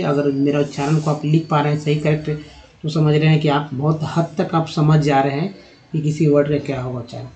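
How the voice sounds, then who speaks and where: A man's voice: fairly high pitch, darkish tone, rough recording. A man with a Hindi accent teaching English reading online, reading word lists aloud one word at a time with short pronunciation notes. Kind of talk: online phonics lesson.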